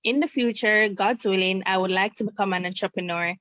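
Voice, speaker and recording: A woman's voice: medium pitch, steady tone, a little fast, a bit bright, dry recording, muffled recording. A woman in her twenties, a quiz contestant, reading a prepared answer steadily. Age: 20s. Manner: reads prepared text steadily.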